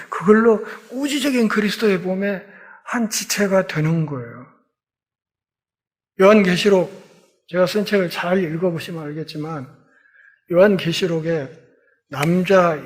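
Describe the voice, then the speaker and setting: Lively, folksy male pastor preaching. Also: a little high. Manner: lively, folksy, acts out quoted voices with humor. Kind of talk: Bible lecture sermon. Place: church.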